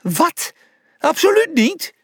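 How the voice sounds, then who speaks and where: A narrator voicing a bossy male zebra leader in a children's storybook, shouting and exasperated. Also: very high-pitched, very animated, slow pace, no echo, studio quality, pitched above the performer's own voice, exaggerated voice.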